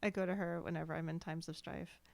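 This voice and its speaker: A woman co-hosting a casual book podcast, talking in a wry, chatty way with a gravelly edge to her voice. The sound is close and dry, with no room around it. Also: sits low, steady tone, fast talker, no echo. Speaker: podcast co-host.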